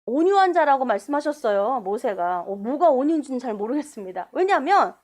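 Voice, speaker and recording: Animated high-voiced woman preaching. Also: a little fast. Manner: animated preaching with sudden loud bursts and quiet asides. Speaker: pastor. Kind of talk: sermon. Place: church sanctuary.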